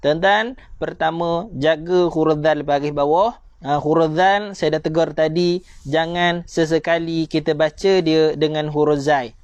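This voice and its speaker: A man with a Malaysian Malay accent teaching Quran reading in a live online lesson, drilling sounds again and again and chanting verses slowly. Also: a little high, fairly even intonation, smooth, no room sound, highs cut off. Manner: drills sounds by repeating, addresses viewers as "tuan-tuan".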